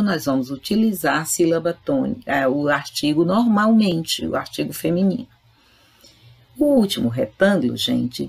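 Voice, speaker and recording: Low, husky-voiced woman teaching slowly. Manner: patient, explanatory, addresses students directly. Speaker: Spanish teacher. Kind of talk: recorded online grammar lesson.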